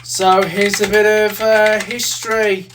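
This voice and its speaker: A man's voice: sits high, flat delivery, slow. A man giving casual commentary while riding a bus, rambling with lots of fillers. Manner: rambling, filler-heavy, enthusiastic. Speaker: bus travel vlogger. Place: on a moving bus. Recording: vehicle engine noise behind.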